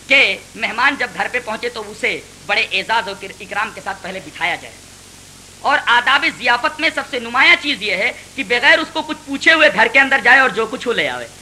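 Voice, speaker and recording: A man's voice: very high voice, pushed and bright, slight background noise, rough recording. A man giving a Quran commentary lecture, preaching emphatically with rhetorical questions.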